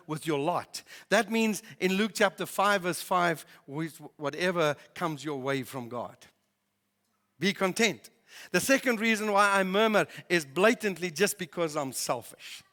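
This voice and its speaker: A man preaching a sermon as pastor, in a lively conversational way with many fillers. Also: sits high. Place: barn church hall. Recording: reverberant church hall.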